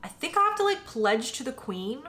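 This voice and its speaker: A woman's voice: high-pitched, very animated, normal speed, pushed and bright. An American woman in her late twenties, talking casually to the camera in a personal vlog, full of "um" and "like" fillers. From United States. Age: late 20s. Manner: chatty, filler-heavy, often says "like" and "um". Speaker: vlogger.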